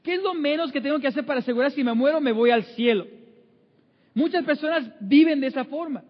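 A man's voice: very high voice, quick pace. A man preaching a sermon in a conversational way, with many fillers and acted-out inner voices. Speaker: pastor. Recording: muffled sound in a reverberant hall.

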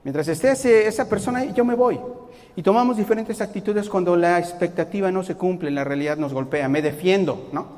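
A man with a high voice preaches a sermon, animated and acting out the people he quotes. His voice rings with the long reverb of a church hall. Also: fairly quick.

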